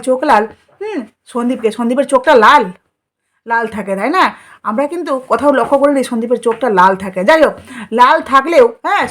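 Woman vlogger, high voice, scolding, mocking commentary. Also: fairly bright tone. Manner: scolding, mocking, rhetorical questions. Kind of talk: commentary vlog.

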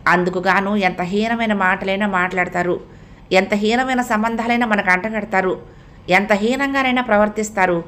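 A woman's voice: medium pitch, brisk, a bit bright, lightly acted. A woman reading the lines of a stern older mother who firmly warns her grown son. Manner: firm, insistent warning.

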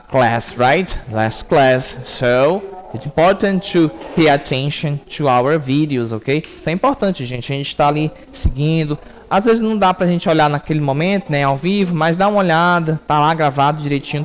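Brazilian guy teaching a class, kinda high voice, takes his time, keeps asking ok?. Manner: explains step by step, checks in with frequent "ok?". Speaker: English teacher. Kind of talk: recorded class lesson.

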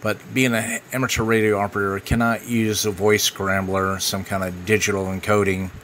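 An American man with a fairly low, level voice speaks at a moderate pace, casually narrating a matter-of-fact product review as an amateur radio hobbyist. The recording is bright, with clear background noise.

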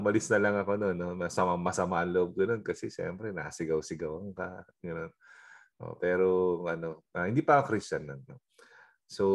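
A man with a Filipino accent sharing a personal testimony on a video call, telling his story in a lively way with Taglish fillers. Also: low-pitched, vocal fry. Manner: animated storytelling with frequent laughs and Taglish fillers.

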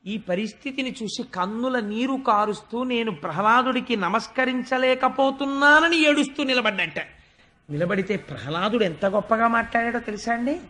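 High-pitched man, Telugu accent, devotional storyteller who recites verse and voices the characters. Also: pushed and bright. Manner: recites verses then explains them, voices characters' pleas. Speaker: religious discourse speaker.

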